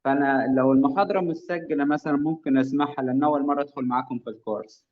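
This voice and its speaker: A young male student speaks politely and quickly to his teacher. The sound is dull and muffled. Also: medium pitch. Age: young adult. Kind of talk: casual chat.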